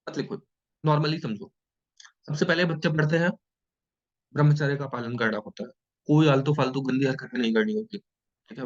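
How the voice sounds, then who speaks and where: A man teaching an exam-prep class in a lively, joking way, often checking in with his students. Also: medium pitch. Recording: dull lo-fi sound.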